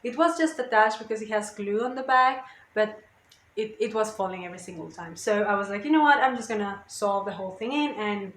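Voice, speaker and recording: A woman's voice: mid-range voice, brisk, fairly bright tone, roomy sound, slight background noise. A woman vlogger chatting casually and rambling about her craft projects. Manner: rambling, chatty, with lots of "you know" and "basically". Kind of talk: casual chat.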